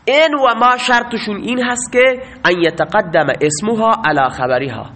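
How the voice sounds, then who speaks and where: Bright, high-pitched male teacher. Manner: asks rhetorical questions and answers them himself. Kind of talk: explaining a grammar lesson.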